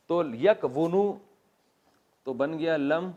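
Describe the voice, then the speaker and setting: A middle-aged man, teaching Quranic Arabic grammar. He spells out word forms slowly, repeats them, and drops in joking asides. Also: on the high side, a little mellow, muffled recording. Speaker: religious teacher.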